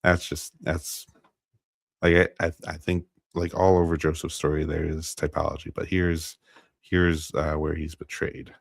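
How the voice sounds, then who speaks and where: An American man with a deep, even voice walks through a Bible passage for his stream. He pauses on fillers, restarts, and second-guesses how names are said. The sound is close and dead, with no room around it. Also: vocal fry, dry recording. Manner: halting, many fillers and restarts, unsure of pronunciations. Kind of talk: casual Bible teaching and scripture reading.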